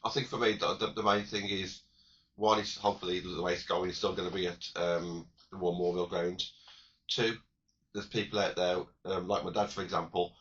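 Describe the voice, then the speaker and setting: A man co-hosting a casual fan podcast, with a croaky voice, rambling and repeating his words as he talks. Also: sits low, a bit bright, highs cut off. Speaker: podcast co-host.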